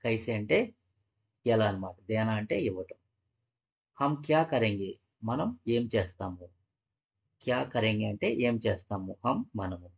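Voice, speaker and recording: A man's voice: fairly low pitch, lively intonation, normal speed, creaky, long pauses, breathy edge. A man teaching a language lesson, patiently repeating each phrase and breaking it into parts. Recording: dull, muffled lo-fi audio.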